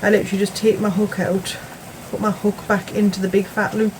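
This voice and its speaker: A young British woman giving a relaxed, rambling crochet tutorial at home, chatting casually with plenty of fillers. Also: mid-range voice, fairly quick, background noise. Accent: British English. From England. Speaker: crochet vlogger. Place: home, indoors.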